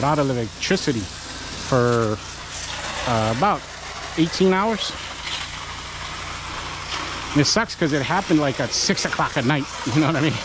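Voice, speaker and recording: Guy talking through a pressure wash job outside, easygoing coach vibe, loud outdoor noise and cars going by. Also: medium pitch. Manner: chatty, encouraging, talks to viewers while working. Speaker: pressure washing business owner and channel host. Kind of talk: casual work vlog with coaching. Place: outdoors at a house being washed. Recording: noisy outdoor recording.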